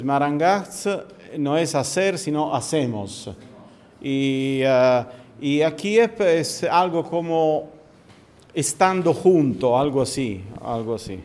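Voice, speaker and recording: A man's voice: a little high, darkish tone. A male teacher giving a classroom lecture, patiently explaining word meanings and putting questions to his students.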